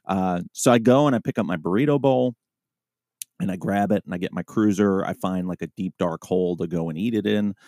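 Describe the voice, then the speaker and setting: A man's voice: deep voice, fairly quick, mellow, no echo, studio quality. A man co-hosting a podcast as a police officer, telling loose, profane stories in casual chat, groggy this early in the morning.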